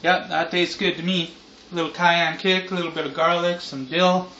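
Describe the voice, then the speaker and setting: A man's voice: steady tone, moderate pace, sharp tone. A man in his thirties chatting casually as host of a home cooking vlog, in a loose, rambling, laid-back stoner manner. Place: home kitchen, indoors. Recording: roomy, muffled camera audio with frying noise. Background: sizzling deep fryer.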